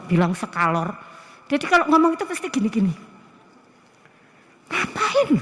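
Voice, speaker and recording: A middle-aged woman with a Javanese accent, giving a university classroom lecture in a lively way and putting rhetorical questions to the audience. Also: on the high side. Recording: long hall reverb.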